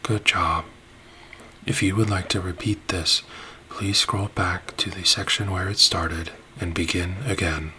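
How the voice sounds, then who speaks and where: A man narrating a space-ship ASMR roleplay in a soft, soothing voice that drops into whispers. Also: deep voice, fairly even intonation, measured pace, slight background noise.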